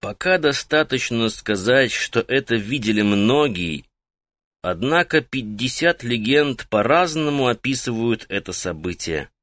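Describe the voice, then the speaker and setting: A knowing male guide carried in a litter, who answers questions slowly and deliberately, as a male narrator takes on his part. His voice is mid-pitched and dry. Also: expressive, fairly bright tone, no echo. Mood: explaining.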